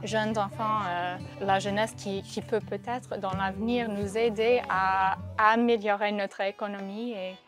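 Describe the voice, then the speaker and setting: Woman, slow pace, halting reflective interview, teacher, clear guitar music behind. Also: medium pitch, steady tone. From Louisiana, United States. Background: plucked guitar music.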